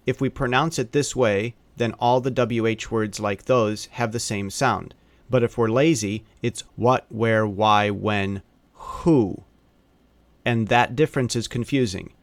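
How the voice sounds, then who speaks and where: A man teaching phonics and spelling in a slow narration, sounding out letters and vowel sounds one by one. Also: mid-range voice, no echo.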